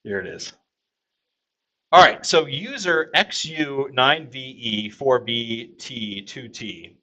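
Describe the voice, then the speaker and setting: A man's voice: mid-range voice, lively intonation, slow pace, sharp tone, rough recording. A man from Texas hosting a casual livestream, rambling with many fillers as he reads viewer comments aloud. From Texas, USA. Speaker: livestream host.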